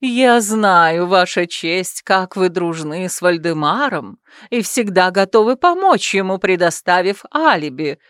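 Audiobook: woman reader doing a domineering werewolf clan mother, loud and emphatic, dry mic. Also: fairly low pitch, animated, dry recording. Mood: coaxing. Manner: loud, commanding, slow and emphatic. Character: stern domineering werewolf clan matriarch, middle-aged woman.

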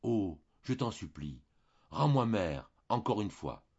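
A young wife pleads softly and hesitantly, read by a man. The voice is husky and low, on a dull lo-fi recording. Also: big pitch swings, slow pace, full character voice. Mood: pleading.

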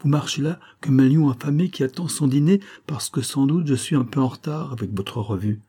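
A man voicing a gentle, earnest young woman in an audiobook, pleading softly with a friend. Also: lowish voice, moderate pace, breathy edge. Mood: lively.

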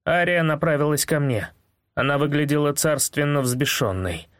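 A man narrating a novel in the first person, in a measured, brooding way. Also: fairly high pitch, a bit bright, dry recording. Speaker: audiobook narrator.

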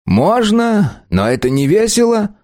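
A man's voice: high voice, very animated, unhurried, darkish tone, no echo, clean studio sound, pitched above the performer's own voice. A man voicing a stern, sarcastic male administrator who snaps out his rulings. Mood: curt, sarcastic. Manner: snapping, sarcastic.

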